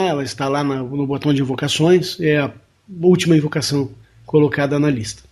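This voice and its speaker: A man's voice: on the high side, a little mellow. A man with a Brazilian Portuguese accent, hosting a spiritual study program, teaching earnestly and reciting a solemn prayer invocation.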